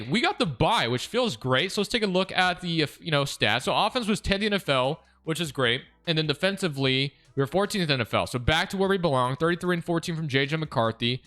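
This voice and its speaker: Bright, smooth-voiced man narrating gameplay. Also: medium pitch. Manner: chatty, thinking aloud, self-correcting. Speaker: gaming video creator. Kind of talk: casual commentary over gameplay.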